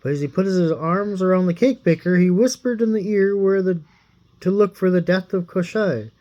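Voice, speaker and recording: A man reading a fairy tale aloud in a playful, animated way. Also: sits high, normal speed, muffled recording. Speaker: storyteller.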